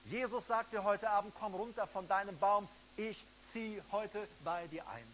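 A male preacher giving an altar call during a sermon, swinging between loud emphatic peaks and soft, intimate pleas. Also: high-pitched, normal speed. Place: church service hall. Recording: dull lo-fi sound with faint hum.

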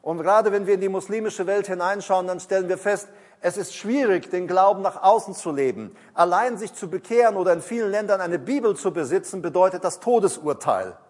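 Male pastor, high-pitched, emphatic preaching with repetition, recorded in an echoing hall. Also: a little mellow. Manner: emphatic, repeats key phrases, slows down to read scripture. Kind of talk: sermon.

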